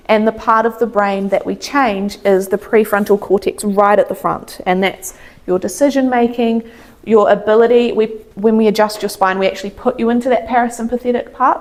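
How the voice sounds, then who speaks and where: A woman with a mid-pitched voice gives an informal educational talk as a chiropractor. She explains health matters in plain, everyday language, as a presenter would to lay listeners. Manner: explains in simple everyday terms.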